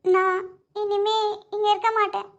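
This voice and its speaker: A woman's voice: very high voice, little pitch movement, unhurried, a bit bright, highs cut off, exaggerated voice. A woman voicing a lovesick, stubborn young woman in a cartoon, talking emotionally and pleading through tears. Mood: heartbroken.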